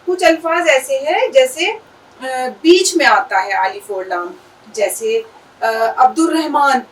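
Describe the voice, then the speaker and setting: A woman's voice: high voice, recorded from a distance, rough recording. A woman teaching Urdu at a whiteboard, patiently repeating and spelling out words for her students. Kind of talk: explaining at a whiteboard.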